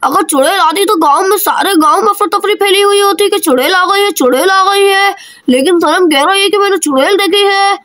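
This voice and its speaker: A woman's voice: very high-pitched, a little fast, a bit bright. A woman voicing a boastful little village boy in a kids' doll-play story, chatty and teasing. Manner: chatty, teasing, calls out "arre" often.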